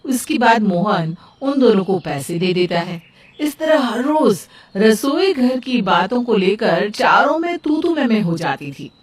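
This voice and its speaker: A woman narrating a cartoon story in an even storytelling manner. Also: mid-range voice, unhurried, far from the mic. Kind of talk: scripted narration.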